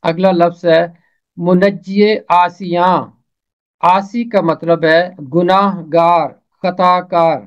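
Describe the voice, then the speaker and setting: Slow, deliberate male pronunciation teacher. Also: sits high, level tone, highs cut off. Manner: measured, repeats each example phrase twice. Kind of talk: recorded pronunciation lesson.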